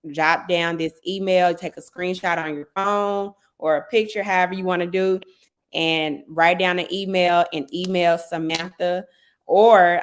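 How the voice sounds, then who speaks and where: A woman's voice: on the low side, fairly bright tone, smooth. A woman hosting a casual livestream promotion, chatty and urging listeners on, repeating words for emphasis. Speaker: livestream host, event organizer. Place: remote live video stream.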